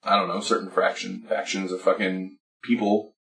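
A man's voice: sits low, little pitch movement, moderate pace, creaky, a bit bright, far from the mic, poor audio. A man co-hosting a podcast, rambling and swearing as he explains comic history at length. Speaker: podcast co-host. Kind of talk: casual drunk chat about comics.

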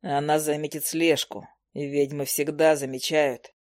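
Storybook role: woman reader plays a calm, low-murmuring male monster hunter, slow and steady. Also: no room sound, clean studio sound. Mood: soft, reassuring.

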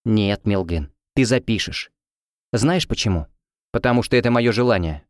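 A man voicing a sharp-tongued, irritable young woman who shares a room, speaking in a scolding, snappy way. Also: lowish voice, expressive, normal speed, dry recording, studio quality, close to an everyday voice. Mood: insistent.

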